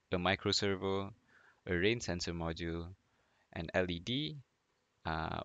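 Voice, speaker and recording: A man's voice: low-pitched, fairly bright tone, slight background noise. A young man from Malaysia presenting a student class project, hesitant and apologetic with many fillers. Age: young adult. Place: home desk, indoors.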